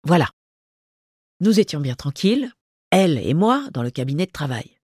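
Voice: medium pitch, very animated, moderate pace, darkish tone, slightly rough, no echo. Reader playing a worried little bulldog telling his woes, plaintive, dry close sound. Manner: plaintive, fretful storytelling. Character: small dejected male bulldog, anxious and ironic. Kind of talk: storybook reading.

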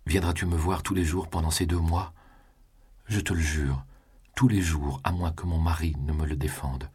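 A guilt-torn noblewoman pours out her love to her condemned lover, as a male reader puts her on. She pleads in a lifted tone that still rests on a very deep, breathy voice. It is read in the manner of an audiobook of a classic novel. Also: fairly even intonation, normal speed, a little mellow, heavily acted. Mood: tender.

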